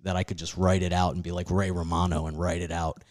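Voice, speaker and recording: A man's voice: sits low, level tone, quick pace, a little mellow. A comedian in his forties chatting on a podcast, rambling and self-deprecating, swearing freely. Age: 40s. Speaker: comedian guest. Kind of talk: casual podcast chat.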